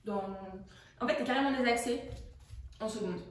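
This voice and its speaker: High-voiced woman teaching dance in an echoey studio. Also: moderate pace, far from the mic, slight background noise. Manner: counts out moves with sung sounds like "foum" and "poum"; sings along in English during the run-through. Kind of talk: dance tutorial instruction.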